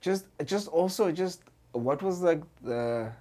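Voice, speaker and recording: A man's voice: on the high side, lively intonation, takes it slowly, warm tone. A man with a South African accent hosting a casual interview, colloquial, dropping in short questions and echoes. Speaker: podcast host.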